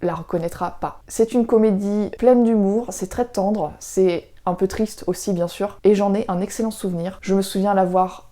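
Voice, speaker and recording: A woman's voice: medium pitch, steady tone, moderate pace, few pauses, dark tone. A French woman chatting casually as a book reviewer, amused as she recommends novels to her viewers. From France. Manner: chatty, conversational, amused by the story.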